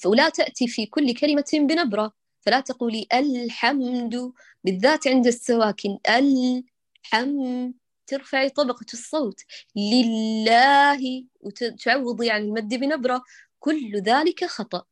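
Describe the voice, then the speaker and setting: A woman teaching Quran recitation to a student, patiently correcting her and stretching out sounds slowly to show how they should be said. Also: on the high side, no room sound. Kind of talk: one-on-one recitation coaching.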